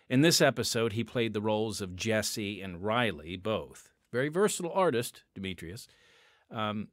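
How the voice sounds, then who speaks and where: A podcast host with a deep voice reads announcements into a studio mic in a friendly, chatty way during a host segment. The recording is dry.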